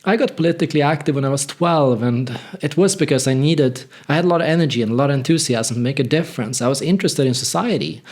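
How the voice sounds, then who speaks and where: A man's voice: mid-range voice, fast talker, few pauses, a little mellow. Reflective man. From northern Sweden. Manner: reflective, candid, conversational. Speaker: channel host. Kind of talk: personal storytelling monologue.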